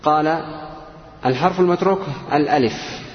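A man teaching a classroom grammar lesson, drilling words slowly, repeating them and putting questions to his students. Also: fairly high pitch, slight background noise. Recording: dull lo-fi recording in a reverberant room.

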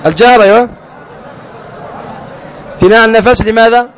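Man, tajweed teacher, very high voice, quizzes students, drills letter sounds, muffled outdoor recording. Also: fairly even intonation, brisk, a faint crowd, a little hiss or hum. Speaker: Quran recitation teacher.

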